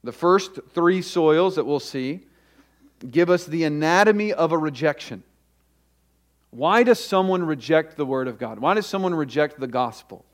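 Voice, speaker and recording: A pastor preaching in a church sanctuary at a pulpit microphone. He speaks deliberately and slows down to stress repeated phrases. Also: fairly high pitch. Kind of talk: sermon with opening prayer. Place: church sanctuary during a service.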